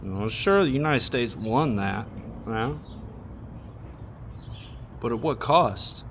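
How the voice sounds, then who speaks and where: A man in his thirties in a casual, heated rant, swearing often and pausing between thoughts. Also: medium pitch, lively intonation, fairly bright tone, slight background noise. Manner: heated, swearing, with long pauses. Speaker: monologue speaker.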